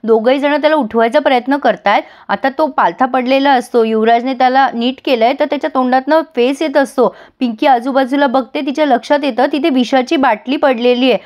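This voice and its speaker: A woman's voice: sits high, fairly even intonation, a little fast, few pauses, a little mellow. A woman retelling a TV serial episode in a storytelling manner, addressing her viewers directly. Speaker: serial recap narrator.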